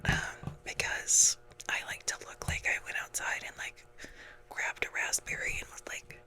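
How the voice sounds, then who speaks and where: This is a woman making ASMR content, whispering with a breathy softness as she drifts through a halting, offhand ramble at her own expense.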